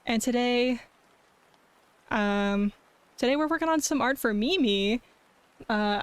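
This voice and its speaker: Woman, cute bubbly anime streamer, casual livestream chat, unhurried, close dry sound. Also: on the high side, clear, resonant tone, no room sound. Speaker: streamer and artist hosting a cozy art stream.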